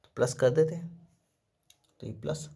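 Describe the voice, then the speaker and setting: Speaking at normal speed, this man's voice runs on the high side, with a dark tone and some vocal fry. He walks through a math lesson one step at a time, asking and answering his own questions and frequently using "ठीक है" and "देखो".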